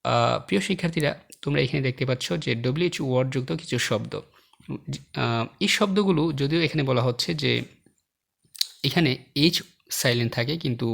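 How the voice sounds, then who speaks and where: Gravelly guy teaching off slides, reads word lists slow and careful, little clicks in the background. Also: medium pitch. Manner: slow, word-by-word example reading. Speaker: English teacher. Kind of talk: slide-based lesson narration.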